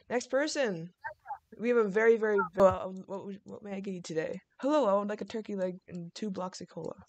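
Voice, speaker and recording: A woman hosting a gaming video, chatting casually while running a game restaurant, with lots of fillers and laughter. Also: mid-range voice. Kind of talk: casual gameplay chat.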